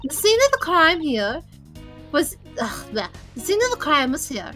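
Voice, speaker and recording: A woman's voice: sits high, very animated, normal speed, pushed and bright, soft background music, heavily acted. A woman voicing an arrogant, cold young female prosecutor in a sleepy, drawling way. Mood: condescending.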